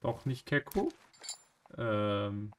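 A man giving live gameplay commentary, jumpy and anxious, swearing and mocking himself, swinging from low mutters to sudden shouts. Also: very animated, extremely slow, a little hiss or hum. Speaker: gaming streamer.

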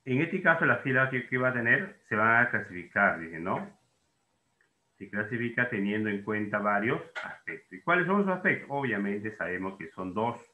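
A male teacher talks through a lesson in a lively, rising and falling voice with a bright edge. He keeps asking questions and answering them himself. The sound carries the echo of a bare room. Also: lowish voice, normal speed. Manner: explains in questions, voicing students' doubts himself. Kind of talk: classroom lesson.

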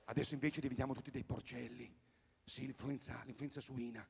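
A man doing a rambling stand-up comedy routine at a live concert, swinging between loud bursts and mutters. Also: medium pitch, fairly even intonation, fairly quick, gravelly, breathy edge, long reverb tail. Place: outdoor tennis courts at a live event.

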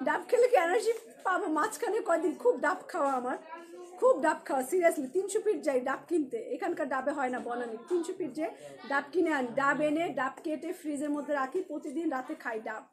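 High-voiced Bangladeshi woman selling clothes live. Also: fast. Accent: Bangladeshi Bengali. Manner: chatty and joking, greets viewers by name. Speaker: clothing shop owner selling on a live stream. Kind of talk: live-stream sales chat with viewers. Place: clothing shop.

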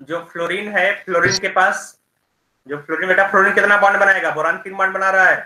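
A man teaching chemistry in an online class, explaining slowly and checking in with his students often. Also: high-pitched, fairly even intonation, sharp tone, roomy sound, poor audio.

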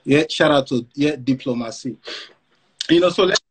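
A man's voice: mid-range voice, moderate pace, husky. A man from Nigeria hosting a casual interview over a video call from home, upbeat and chatty with slangy asides. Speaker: interviewer host. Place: home room.

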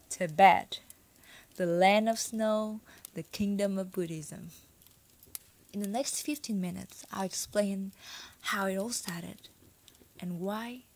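A young woman from Vietnam telling a travel story to camera, soft and breathy, often dropping to a whisper. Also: medium pitch, rough recording. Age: 20s. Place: small indoor room, decorated set.

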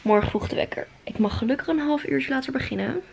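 Young woman vlogging in her bedroom, gushy and excited, kinda high voice, a bit of hiss behind. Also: fast, creaky. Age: young adult. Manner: excitable, gushing, exclaims often. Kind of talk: casual vlog chat. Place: bedroom at home. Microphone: handheld camera at arm's length.

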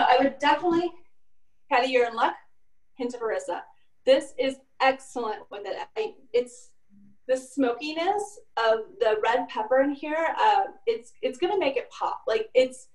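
A woman's voice: high-pitched, distant mic. A woman giving a casual cooking demonstration in her home kitchen, chatty and full of fillers. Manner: chatty, lots of fillers like "like" and "kinda". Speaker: cooking instructor. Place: home kitchen in an old apartment. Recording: echoey room, voice off-mic.

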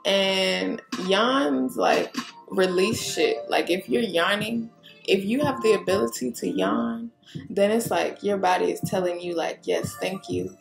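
A woman's voice: medium pitch, measured pace. A woman giving a casual tarot reading straight to the viewer, rambling, laughing and swearing as she goes. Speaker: tarot reader. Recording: roomy echo with clear music behind.

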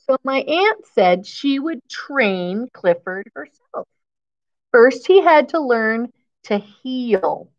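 The audio is dull, and the woman's voice leans high. Indoors in a school classroom, this fifty-something reader shares a picture book with young children, adding plain explanations and going back over key phrases as teachers tend to do.

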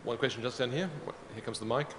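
A man chairing a conference session in a jovial, brisk manner, calling for questions and wrapping up. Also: medium pitch, noisy background. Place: large conference hall. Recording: echoey room, audible ambience, mic far off.

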